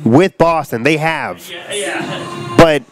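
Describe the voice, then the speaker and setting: A man's voice: fairly high pitch, slow, over music. A man giving rambling, opinionated color commentary on a football game. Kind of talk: sports commentary.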